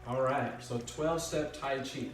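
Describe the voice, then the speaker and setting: A man instructing tai chi step by step in short, calm, measured cues. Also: mid-range voice. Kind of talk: step-by-step spoken movement instruction. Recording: echoey room, far from mic, music behind. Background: music.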